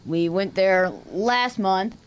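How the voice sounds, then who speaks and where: A woman with a clear, smooth voice at a middling pitch. She chats casually as a show co-host, with the eager excitement of a devoted anime fan. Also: takes it slowly. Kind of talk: casual chat.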